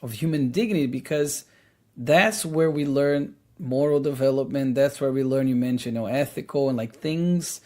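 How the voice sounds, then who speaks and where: A man in his thirties co-hosts a podcast with casual spiritual discussion, his mid-range voice slightly mellow and his pace moderate. He explains things earnestly, leaning heavily on "you know" and "like."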